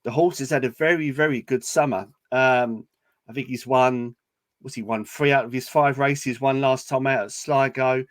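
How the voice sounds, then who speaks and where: A man's voice: medium pitch, steady tone, moderate pace, no echo. A man giving horse racing tips in a casual online chat, hesitant with many restarts. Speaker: racing tipster panelist.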